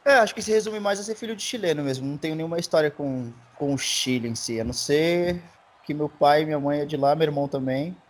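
Rambling Brazilian podcast guest. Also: male voice, a little high, fast. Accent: Brazilian Portuguese. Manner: rambling storyteller, trips over his words. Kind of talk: casual podcast chat.

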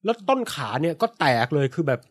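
A man's voice: a little high, fast talker. Guy telling an old folk tale on a podcast, voice jumping all over, does the sound effects himself. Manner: animated, acts out screams and sound effects. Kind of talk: casual storytelling.

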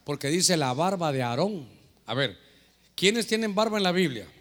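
A man preaching as pastor, animated and preachy, acting out prayers and dialogues as he answers questions. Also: on the high side, normal speed, long reverb tail. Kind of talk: lively sermon with questions from listeners.

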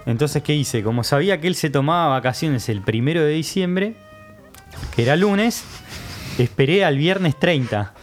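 A young man with a Rioplatense accent, a podcast guest telling an animated story in casual chat and acting out the people he quotes. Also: a little high, normal speed, soft background music. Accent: Rioplatense Spanish.

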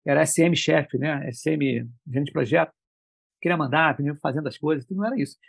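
A man telling work stories in a lively, colloquial way with lots of slang. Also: on the high side, fast, vocal fry, husky, dry recording, studio quality. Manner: lively, colloquial, animated storytelling. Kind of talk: casual conversation.

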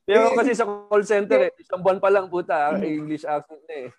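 A man's voice: high-pitched, fairly quick. A man co-hosting a podcast, asking the guests direct questions. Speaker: podcast co-host. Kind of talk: casual chat.

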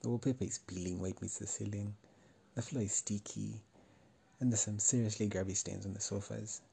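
Guy reading a story out loud, wry and measured, flat gravelly voice. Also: lowish voice. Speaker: narrator. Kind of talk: first-person story narration.

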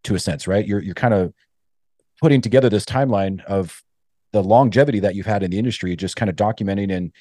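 A man hosts a casual interview podcast, talking quickly in a dry, close sound. His voice sits very low. He asks long, rambling questions and keeps affirming his guest. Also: dark tone, no room sound. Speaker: podcast host.

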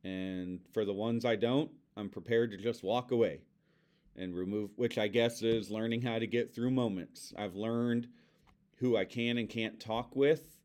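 A man with a lowish, smooth and resonant voice talks through loss in an earnest, reflective conversation. He speaks gently, as a father sharing what grief has taught him. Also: fairly even intonation, a little slow. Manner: earnest, reflective, speaks softly of his son. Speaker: podcast co-host, bereaved father.

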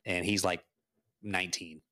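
A man's voice: sits low, flat delivery, a little slow, sharp tone. A man from Texas, a podcast guest, talking sports casually and rambling with many fillers and restarts.

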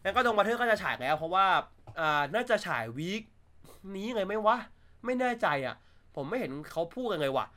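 A man's voice: high-pitched, big pitch swings, a little fast, pushed and bright. A man chatting casually on a livestream, blunt and crude, joking, with many filler sounds. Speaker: streamer.

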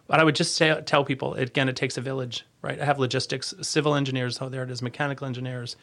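A man giving a conversational podcast interview as an agency leader, earnest and halting, often rephrasing as he goes. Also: mid-range voice, flat delivery, creaky, fairly bright tone.

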